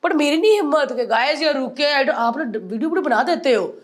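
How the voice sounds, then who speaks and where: A woman's voice: high voice, lively intonation, fairly quick. Chatty lady host w punjabi-tinged hindi asking lots of questions. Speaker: podcast host. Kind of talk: casual interview chat.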